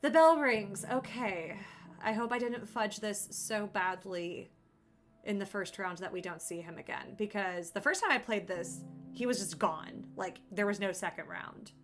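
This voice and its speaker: A woman's voice: mid-range voice, normal speed. A young adult woman streaming a video game, reading its text aloud and chatting playfully with viewers. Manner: chatty and playful, jumps to loud startled exclamations. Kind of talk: casual let's-play commentary, reading game text aloud. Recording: game music playing underneath.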